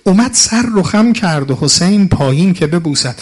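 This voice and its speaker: A man delivers a mourning sermon in a slightly high voice and weaves chanted Arabic passages into his narration. His delivery swings between hushed, near-whispered storytelling and loud, impassioned lament. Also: expressive, breathy edge. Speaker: preacher.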